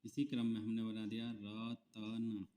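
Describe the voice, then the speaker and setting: A man teaching shorthand, calmly naming each stroke and repeating it step by step. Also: fairly low pitch. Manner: slow, repetitive dictation of strokes. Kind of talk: step-by-step tutorial explanation.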